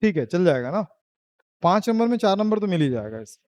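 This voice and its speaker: Male physics teacher, high voice, playful, prods students to answer. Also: sing-song, a little fast, a little mellow, no room sound. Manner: teasing, quizzing students, laughs often. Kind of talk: classroom lecture. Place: classroom.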